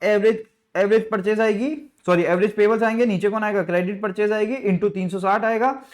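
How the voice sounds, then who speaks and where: A man voicing an eager, excited male student who rattles off formulas. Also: sits high, fairly quick, pitched above the performer's own voice, natural voice. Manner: breathless enthusiastic recitation.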